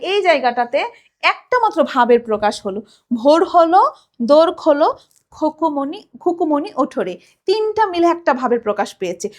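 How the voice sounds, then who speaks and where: High-voiced woman lecturer, step-by-step explaining. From Bangladesh. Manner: explains step by step, asks and answers her own questions; recites children's rhymes to show rhythm. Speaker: college lecturer. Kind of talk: recorded online lecture.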